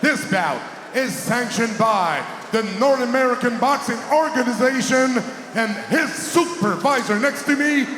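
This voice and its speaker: A man's voice: very high voice, animated, takes it slowly. A man working as a boxing ring announcer, projecting formal arena introductions and stretching out names. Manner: switches between French and English. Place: large indoor boxing arena. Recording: echoey arena PA with loud crowd. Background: crowd noise.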